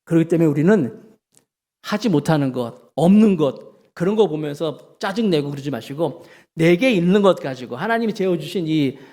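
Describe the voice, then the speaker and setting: A man preaching a sermon as pastor, telling a story and acting out the voices of its people. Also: vocal fry. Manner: storytelling preacher, acts out quoted voices with lively pitch swings. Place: church sanctuary.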